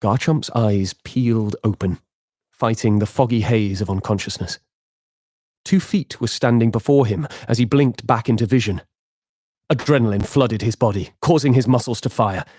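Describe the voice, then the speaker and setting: A man narrating a game epilogue as game master, with measured, dramatic storytelling. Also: medium pitch, a little mellow, dry recording, clean studio sound.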